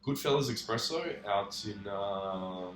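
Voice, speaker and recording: Young man, casual podcast guest; low, punchy voice, rambling and sweary, echoey room. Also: expressive, slow, fairly bright tone, a little hiss or hum. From Australia. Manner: laid-back and sweary, full of fillers. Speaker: physiotherapist guest. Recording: roomy echo.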